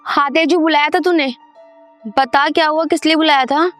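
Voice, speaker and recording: A woman's voice: high-pitched, steady tone, normal speed, soft background music, lightly acted. A woman playing a friendly classmate who explains a lesson in a casual way in an amateur horror drama. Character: friendly schoolgirl friend, a bit reluctant.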